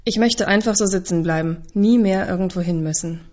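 A woman narrating a novel in the first person, in a measured, subdued and introspective way. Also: medium pitch, a little mellow, lo-fi sound. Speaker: audiobook narrator.

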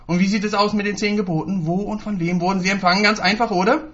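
A man's voice: sits high, fairly even intonation, quick pace, fairly bright tone, highs cut off, pitched above the performer's own voice. Man doing a bellowing, wrathful old-school teacher. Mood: bellowing, menacing. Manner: hissing, bellowing, menacing. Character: small, wrathful male religion teacher.

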